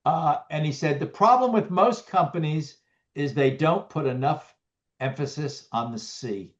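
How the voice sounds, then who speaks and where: Middle-aged guy rambling about his business, kinda high voice, dull lo-fi call audio. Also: unhurried. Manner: rambling, many restarts and fillers. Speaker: business owner guest. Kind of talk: casual interview talk. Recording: muffled lo-fi audio.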